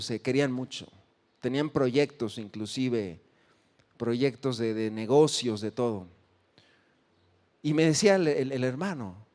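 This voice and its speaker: A man preaching a sermon as pastor, acting out the pleas of the faithful with sudden rises in voice. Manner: emphatic, acts out pleas with sharp rises in pitch and volume.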